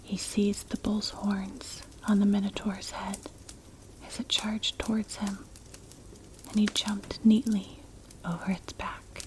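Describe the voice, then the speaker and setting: A woman narrating a story for ASMR in a breathy, unvoiced whisper, gentle and measured, close to the mic. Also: mid-range voice, little pitch movement. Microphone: close mic, ear-to-ear ASMR. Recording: clear background noise, clicks. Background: crackling fire.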